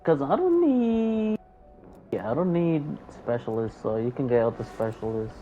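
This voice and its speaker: A man's voice: mid-range voice, sing-song, moderate pace, mellow, faint music behind. A man chatting casually with a teammate over an online voice call, his voice coming through robotic and glitchy as he thinks aloud with some hesitation. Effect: robotic, glitchy voice-chat audio. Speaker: gaming teammate on voice chat. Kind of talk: casual gaming chat. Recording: dull, lo-fi online voice-chat line.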